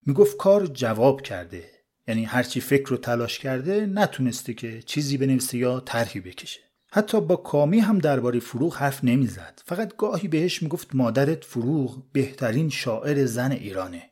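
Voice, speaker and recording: A man's voice: medium pitch, animated, darkish tone, husky. A man hosting a podcast, narrating a life story in a casual, conversational storytelling way.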